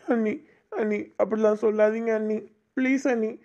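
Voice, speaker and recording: A woman's voice: a little high, steady tone, normal speed, warm tone, lo-fi sound, natural voice. A woman voicing a lovesick young man who begs desperately with stammering repeats in an amateur audio drama. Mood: pleading.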